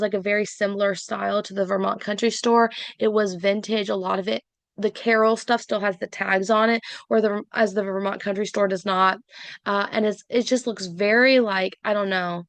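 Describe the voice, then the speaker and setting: A woman vlogger with a hoarse voice that is not fully back, chatting in a rambling way with many fillers as she recaps her weekly resale sales. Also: medium pitch, dry recording. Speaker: reseller vlogger. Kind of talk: casual sales recap vlog.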